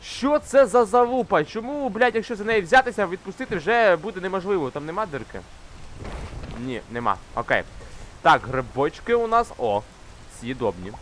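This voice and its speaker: A young man commenting casually on a climbing game he plays, swearing often and shouting when things go wrong. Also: sits high, big pitch swings, moderate pace, slight background noise. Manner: swears constantly, shouts in frustration while climbing. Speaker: gamer. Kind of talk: casual let's-play commentary. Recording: faint game music behind.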